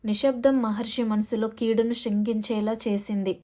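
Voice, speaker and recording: Female audiobook narrator, warm mellow voice, steady and dramatic reading. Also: fairly high pitch, moderate pace. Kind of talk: scripted novel narration.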